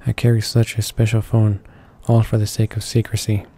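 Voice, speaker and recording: Faint game music runs under a man's narration as he reads a visual novel aloud for his gaming channel, stumbling over words. His low, warm voice is completely flat in delivery, at a moderate pace.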